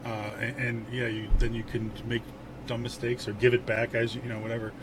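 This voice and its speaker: A man chatting casually on a podcast, blunt and informal, often halting and repeating his words. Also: medium pitch, monotone. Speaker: podcast co-host and trading mentor. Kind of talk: casual chat. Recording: clearly noisy recording.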